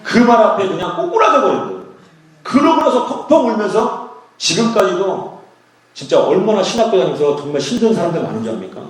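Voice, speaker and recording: A male preacher tells his story in a lively, quick voice that swings high and low. He is heard from a distance, and the church hall around him echoes heavily. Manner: animated storytelling, acting out quoted prayers. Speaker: pastor. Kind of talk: sermon with testimony.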